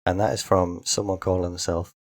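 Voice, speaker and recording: Deep gravelly man, deadpan quizmaster. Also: brisk, no room sound, clean studio sound. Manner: deadpan, terse. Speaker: podcast co-host, quizmaster. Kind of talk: casual chat.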